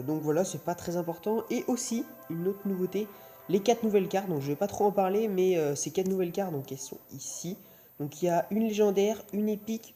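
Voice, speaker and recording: A young man with a very dark, mellow voice talks over music, casually commentating as a gaming host. He rambles and corrects himself, speaking with a mouth still sore after wisdom teeth surgery. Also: sits high. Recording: music playing behind the voice.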